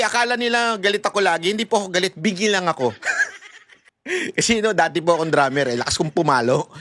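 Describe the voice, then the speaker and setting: A middle-aged man from Manila with a loud voice, giving casual, animated political commentary as a vlogger. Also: high voice, no room sound, clean studio sound. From Manila, Philippines. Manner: animated and chatty, laughs at his own asides.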